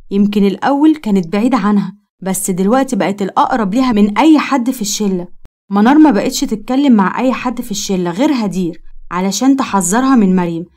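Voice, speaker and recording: Fast-talking Egyptian woman storyteller. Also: medium pitch, mellow. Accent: Egyptian Arabic. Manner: moralizing, brisk storytelling. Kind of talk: scripted story narration.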